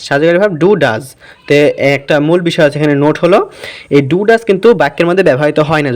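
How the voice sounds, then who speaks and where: A man teaching English grammar in a casual classroom style, asking questions and answering them himself. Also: fairly high pitch. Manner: talkative, asks and answers his own questions. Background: noisy surroundings.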